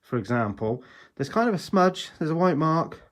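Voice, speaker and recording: A man's voice: on the high side, big pitch swings, moderate pace. A man chatting casually on a ghost-hunting live stream, explaining things in a conversational, sceptical way.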